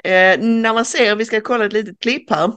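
A woman's voice: a little high, a bit bright, clean tone. A woman co-hosting a casual news commentary podcast, recounting events with frequent hesitations and fillers. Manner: hesitant, many filler sounds. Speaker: podcast co-host.

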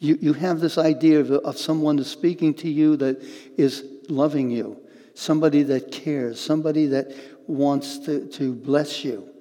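An older man preaching a sermon as pastor, earnest and halting, often repeating words as he goes. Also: a little high, steady tone, warm tone, long reverb tail.

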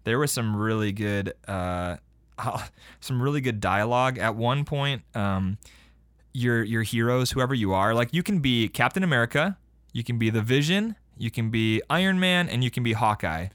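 Podcast co-host, male, excitable retro gaming chatter, dry close recording. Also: medium pitch, normal speed, clean tone, no echo. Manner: enthusiastic, animated retelling with shouted quotes. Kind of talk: casual chat about retro games.

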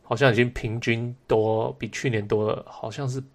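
A man's voice: mid-range voice, steady tone, normal speed. A man casually discussing sports as a co-host, mixing English words into his speech. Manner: code-switches between Mandarin and English.

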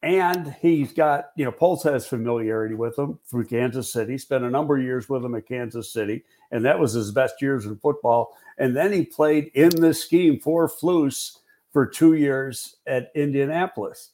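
A man of mid-range pitch talks football as a show host. He weighs players and contracts frankly, in a loose conversational way with frequent restarts. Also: normal speed, warm tone. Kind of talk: casual football podcast talk.

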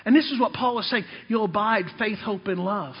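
Heard in a reverberant hall on a dull, lo-fi recording, a male preacher and missionary speaks in a high, husky voice, a little on the fast side. He preaches by telling humorous stories from his own life and calling out to the people in the pews.

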